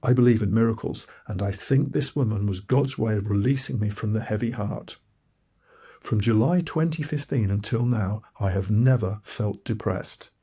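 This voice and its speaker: A man's voice: fairly low pitch, moderate pace, dark tone, slightly rough. A man from Malawi, narrating his own audiobook in a reflective, earnest storytelling way. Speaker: author and narrator.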